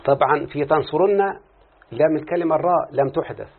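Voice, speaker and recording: This man speaks quickly in a slightly high, creaky voice, with a little background noise and a tinny, phone-like lo-fi quality to the recording. He has an Egyptian Arabic accent and is leading a classroom Arabic grammar lesson, breaking it down step by step and frequently testing his students.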